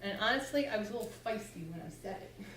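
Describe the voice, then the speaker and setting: A woman's voice: mid-range voice, animated, quick pace, fairly bright tone, a little hiss or hum. A woman in her sixties gives a humorous personal testimony to a church audience, acting out her own past words. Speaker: church speaker. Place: church sanctuary. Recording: echoey church hall from far off.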